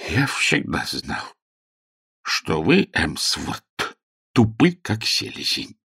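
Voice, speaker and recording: A man's voice: sits low, wildly swooping pitch, slow pace, vocal fry, bright, forceful tone, husky, exaggerated voice. A man voicing a choleric, red-faced baronet in his forties who sputters with outrage in an audiobook. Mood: indignant. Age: 40s.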